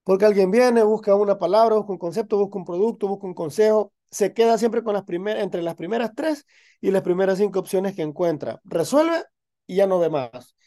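A man's voice: sits high, fairly quick, warm tone. A man teaching an online class, explaining concepts in an encouraging way, with frequent restarts. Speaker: university instructor.

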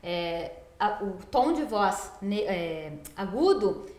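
A woman's voice: medium pitch, very animated, slow pace, a little mellow. Didactic woman dog trainer, roomy sound. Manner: didactic, frequent tag questions. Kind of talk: explanatory podcast talk. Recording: roomy echoey studio room.

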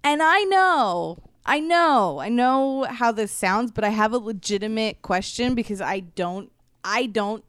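Hesitant young woman with a smooth voice. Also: fairly high pitch, expressive, unhurried, fairly bright tone, dry recording. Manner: hesitant, repeats herself when posing a question. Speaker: podcast co-host. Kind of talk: casual chat.

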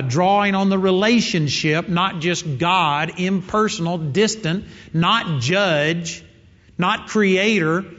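A man's voice: high-pitched, a bit bright. A man preaching a sermon in an earnest, emphatic way, repeating his key phrases. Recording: dull sound in a reverberant hall.

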